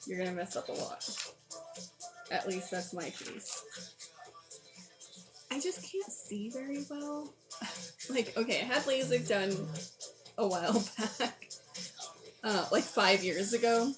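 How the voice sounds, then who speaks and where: Woman, tired voice, chatty, slow-talking, self-deprecating, loud music behind. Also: fairly high pitch, expressive, poor audio. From New Mexico. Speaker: live-stream host building Lego. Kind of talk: casual chat while building.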